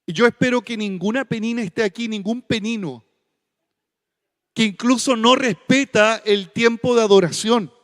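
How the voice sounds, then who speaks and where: A male pastor with a Chilean accent preaching a sermon into a stage microphone, folksy and humorous, then softly earnest. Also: very high-pitched, moderate pace. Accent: Chilean Spanish. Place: church sanctuary. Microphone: stage microphone with monitor. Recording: long church reverb.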